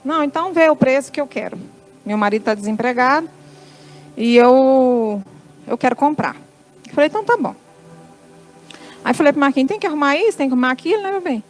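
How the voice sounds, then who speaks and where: A high-pitched, middle-aged woman with a Brazilian Portuguese accent tells her testimony to a church. She slips into soft voices for the quoted dialogue as the story goes on. Faint music plays beneath her. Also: animated, fairly quick, pauses often, rough recording. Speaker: church speaker giving testimony.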